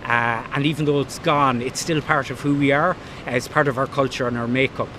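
A man from Blacksod Bay in County Mayo, Ireland, speaks with a west of Ireland accent, his voice medium in pitch, fairly even in intonation and fairly quick. He founded a maritime heritage company and is describing his work and plans in an interview, with faint outdoor noise in the background.

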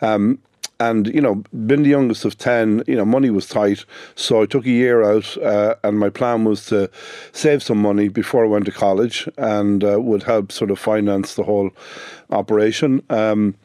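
A man's voice: on the low side, fairly even intonation, moderate pace, mellow, no echo, studio quality. Middle-aged west of Ireland man, darker voice. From Sligo, west of Ireland. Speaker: business owner being interviewed. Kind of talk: conversational radio interview, recounting own life.

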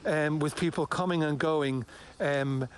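A man's voice: on the high side, fairly even intonation, measured pace, clean tone. A male news reporter giving a live field report from outdoors at a border checkpoint, descriptive and sombre.

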